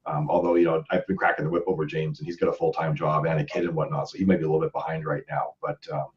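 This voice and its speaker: In a relaxed group podcast, a host with a very deep voice and little pitch movement speaks fast and at length, wandering between topics. The audio is slightly dull, with a bit of background noise.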